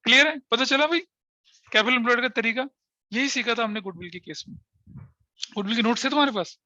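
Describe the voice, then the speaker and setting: A man's voice: very high voice, quick pace, bright, forceful tone, dry recording, dull audio. A middle-aged man teaching an accountancy class, talking straight to his students, mixing Hindi and English terms, joking and scolding by turns. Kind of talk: online class lecture.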